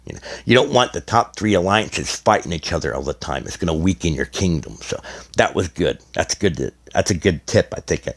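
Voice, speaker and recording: A middle-aged man, slightly hoarse, explaining a strategy game in a rambling, casual way as a gaming content creator. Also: low-pitched, animated, a little fast. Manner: rambling, many restarts and fillers. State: slightly hoarse, losing his voice.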